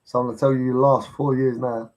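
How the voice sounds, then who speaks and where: A man's voice: medium pitch, little pitch movement, fast, a little mellow, rough recording. A man ranting on a casual livestream, blunt and insistent, swearing heavily as he pushes his point. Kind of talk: casual live-stream rant.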